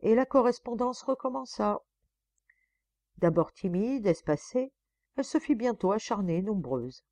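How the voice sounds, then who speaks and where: A woman reading a novel aloud as an audiobook, in a steady, measured narration. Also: medium pitch, no room sound. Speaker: audiobook reader.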